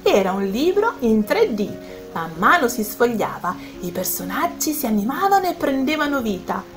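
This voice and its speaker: Animated, high-pitched woman storyteller addressing children, faint music behind. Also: normal speed. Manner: animated, speaks directly to the children. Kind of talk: children's bedtime story narration.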